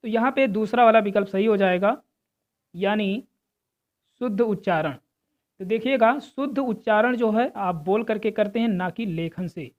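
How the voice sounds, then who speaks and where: A woman's voice: medium pitch, moderate pace, lo-fi sound. A woman teaching exam preparation, reading out multiple-choice questions and steadily explaining each answer while addressing viewers as friends.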